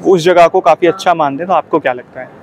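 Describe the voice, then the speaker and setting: A man's voice: on the high side, quick pace, a little hiss or hum. A male news reporter politely asking exhibitors questions at a trade fair. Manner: polite, addresses guests as sir and ma'am. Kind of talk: field interview questions. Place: busy trade fair hall.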